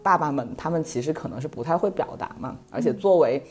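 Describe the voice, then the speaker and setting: Woman, thirties, deep voice, casual podcast chat, animated storytelling, frequent laughter. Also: fast talker. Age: 30s. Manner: lively, laughing often while telling a story. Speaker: podcast guest.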